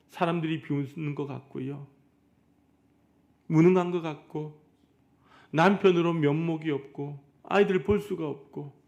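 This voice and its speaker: A man's voice: on the high side, vocal fry, darkish tone. A male pastor preaching a Sunday sermon, telling a story to his congregation and acting out the quoted dialogue. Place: church sanctuary.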